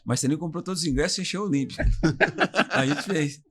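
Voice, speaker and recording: He's a former player from inland São Paulo, speaking brisk and husky at a fairly high pitch. As a guest on a laid-back podcast, he animatedly shares amusing stories from his football years and keeps laughing through them.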